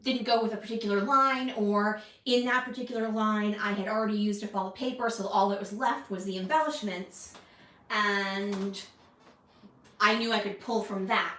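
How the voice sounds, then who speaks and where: A woman's voice: mid-range voice, fairly even intonation, normal speed, a bit bright, distant mic. Chatty crafting vlogger, woman, rambling, self-deprecating, mic set back in an echoey room. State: hiccuping. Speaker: scrapbooking vlogger. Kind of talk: casual chat while crafting.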